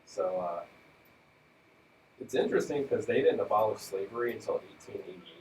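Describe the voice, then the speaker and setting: A man's voice: fairly low pitch, normal speed, roomy sound, recorded from a distance, slight background noise, rough recording. A man co-hosting a radio talk show, casually presenting facts with fillers and light chuckles. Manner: relaxed, fact-reciting with fillers and light chuckles.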